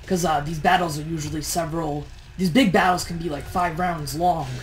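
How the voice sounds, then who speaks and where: A woman's voice: low-pitched, steady tone, fairly quick, slight background noise, rough recording. A tired woman with a morning voice, chatting through gameplay commentary on a push-to-talk mic and grumbling in exasperation at how things are going. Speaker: let's play host.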